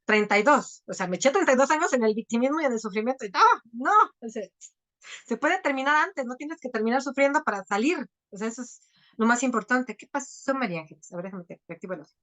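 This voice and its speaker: Fast-talking woman coach in her forties. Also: a little high, expressive, fairly bright tone. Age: 40s. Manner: earnest, talks fast, many "o sea" asides. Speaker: coach leading an online women's group. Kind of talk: live online class with personal testimony.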